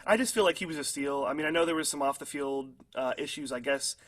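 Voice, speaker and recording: In a slightly high, somewhat bright voice, a young man talks fast as co-host of a casual football podcast. He's chatty, leans on fillers, and laughs often at his own hot takes.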